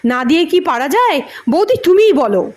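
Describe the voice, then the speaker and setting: A woman's voice: extremely high pitch, big pitch swings, darkish tone, voice pushed up. A woman voicing an irritated young man in a told story, complaining bluntly. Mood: exasperated. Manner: brisk, complaining.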